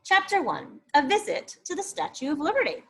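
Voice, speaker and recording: A woman teacher with a high voice reads an informational book aloud to young children, speaking a little fast. She's expressive and explanatory, adding asides to her pupils.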